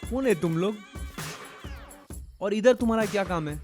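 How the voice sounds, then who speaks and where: Tough hero guy, menacing, voice swings high and low, some music. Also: animated, moderate pace, darkish tone. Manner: menacing, streetwise slang. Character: tough young male hero who scares off thugs.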